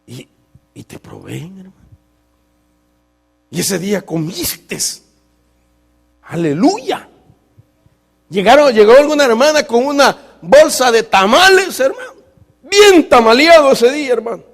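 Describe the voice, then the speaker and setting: A man's voice: very high voice, big pitch swings, a little slow, creaky, long pauses. A man preaching a sermon as pastor, telling stories fervently and often calling his listeners brother. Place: church sanctuary. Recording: long reverb of a church hall.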